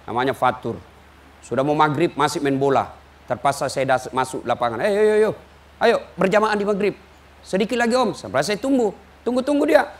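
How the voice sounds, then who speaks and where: A man from Sulawesi with a Makassar Indonesian accent, preaching an animated, joking sermon and acting out little dialogues. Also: fairly high pitch. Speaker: Islamic preacher. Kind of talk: humorous sermon.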